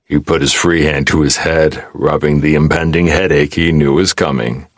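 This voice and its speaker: A man reading a post-apocalyptic fantasy audiobook, with a very deep, low voice. He tells the story steadily, with a wry, gruff edge, recorded close on a dry mic. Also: steady tone, moderate pace, dry recording. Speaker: audiobook narrator. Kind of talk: scripted narration.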